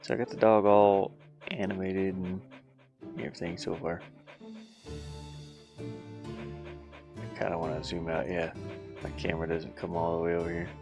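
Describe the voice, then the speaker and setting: An indie game developer gives casual, unscripted commentary while working on their own game in progress, often muttering to themselves. The voice is low and level, unhurried, with long pauses, and it sits over music.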